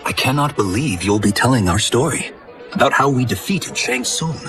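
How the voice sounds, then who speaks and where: An actor playing a humble, dutiful young warrior monk in a video game, speaking politely, formally and sincerely. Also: male voice, medium pitch, animated, moderate pace, a bit bright, faint music behind, lightly acted. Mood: polite, modest.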